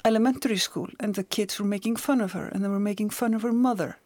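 A woman's voice: mid-range voice, quick pace, a little mellow, dry recording. A woman, an author and journalist, speaking thoughtfully in an interview and often repeating words as she searches for them. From Iceland. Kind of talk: conversational interview.

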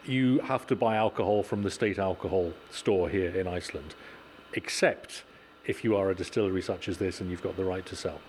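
A man hosting a radio show, interviewing a guest on location in a measured, friendly way. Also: low-pitched, a little mellow, slight background noise. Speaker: radio host.

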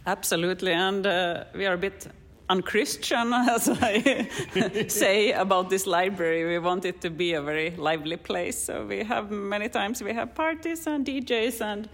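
A woman's voice: medium pitch, moderate pace. A woman from Finland, a culture centre director, explaining the place on a guided-tour interview, thoughtful and hesitant.

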